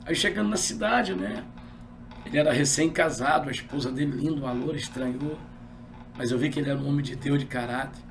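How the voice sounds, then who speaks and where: Um pastor de meia-idade, homem com sotaque carioca, contando seu testemunho numa entrevista de forma animada e dramatizando os diálogos. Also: male voice, on the high side, fairly quick, vocal fry, distant mic. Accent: carioca Brazilian Portuguese. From Rio de Janeiro. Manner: animated storyteller, acts out dialogue. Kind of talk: personal testimony in an interview.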